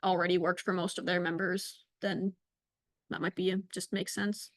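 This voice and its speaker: A woman's voice: on the low side, level tone, moderate pace, dry recording, studio quality. Tentative woman on a meeting call. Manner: tentative, hedging with fillers. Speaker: committee member. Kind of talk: public committee meeting discussion.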